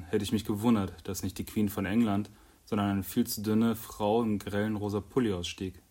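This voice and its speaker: Low-voiced man narrating a story. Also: a little mellow. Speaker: audiobook narrator. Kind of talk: scripted first-person narration.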